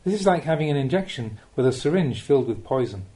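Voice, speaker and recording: With measured, deliberate phrasing and the occasional rhetorical question, a male Buddhist monk reads a scripted spiritual teaching for an audiobook. His voice is of medium pitch, very animated, and warm.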